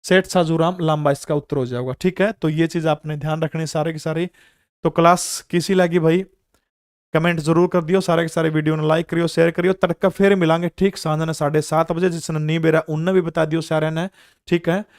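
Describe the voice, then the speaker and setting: A man's voice: on the high side, steady tone, fairly quick, clear, resonant tone, dry recording, clean studio sound. Haryanvi man teaching an exam class. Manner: repetitive, quizzing students with rhetorical questions. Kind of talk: online GK class lecture.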